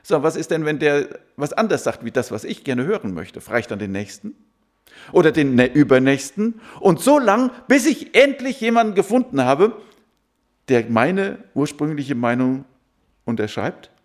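Lively male preacher with a raised voice. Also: fairly high pitch, normal speed. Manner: lively, asks the listeners rhetorical questions. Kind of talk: sermon.

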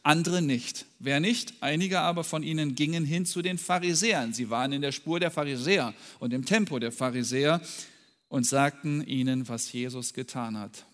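A man delivers a sermon in German with a fairly high-pitched voice, dropping low and then rising loud when he quotes scripture. The sound rings with the long reverb of a church hall. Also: moderate pace. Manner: dramatic, swings from soft to loud when quoting scripture. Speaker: preacher.

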